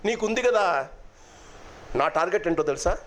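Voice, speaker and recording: Pastor guy shouting his sermon in church, voice sits high and swings all over. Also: animated, normal speed, slight background noise. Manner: loud, impassioned preaching; mixes in English phrases. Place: church hall.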